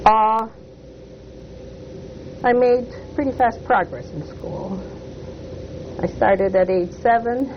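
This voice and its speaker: Recorded on muffled, lo-fi tape with constant audible hiss, an elderly Detroit interviewee of Polish background recalls family history for an oral history project. The pitch is middling and the voice gravelly. Speech comes slowly and reflectively, broken by frequent "uh" pauses and self-corrections.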